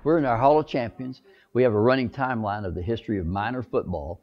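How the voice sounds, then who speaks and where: A man's voice: mid-range voice, fast, dull audio. A man from a university's athletics staff, recalling a former player in a documentary interview.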